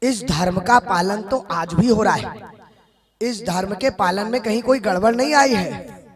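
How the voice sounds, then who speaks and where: A male preacher gives a devotional sermon with a very high voice. He stretches his chanted verses slowly and speaks straight to his listeners between them. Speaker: religious storyteller preacher.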